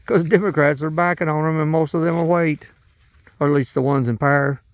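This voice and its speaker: A man's voice: on the high side, fairly even intonation, brisk, dry recording. A man delivering a rambling, profane political monologue, often trailing off and restarting.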